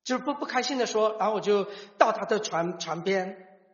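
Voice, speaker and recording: A middle-aged man gives a personal testimony as a father, halting and restarting words as he tells the story. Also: sits high, animated. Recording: echoey hall, dull lo-fi sound.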